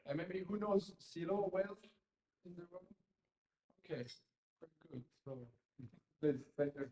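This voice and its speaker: An event host thanking the room and introducing the next speaker. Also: female voice, fairly low pitch, animated, unhurried, mellow, muffled recording, a little hiss or hum. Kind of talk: hosting at a live event. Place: event venue. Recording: distant, roomy hall sound.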